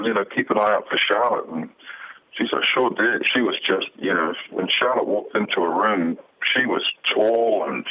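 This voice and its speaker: A man from New Zealand, a guest on a radio show, talking with emotion, halting and restarting often. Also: on the low side, dull audio. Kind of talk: phone interview on radio.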